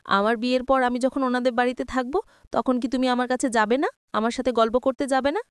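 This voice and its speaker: A woman's voice: high-pitched, fairly even intonation, a little fast, smooth, dry recording, clean studio sound, natural voice. A woman reading a heartfelt young bride. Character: young bride, warm and emotional. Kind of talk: storybook retelling of a TV serial.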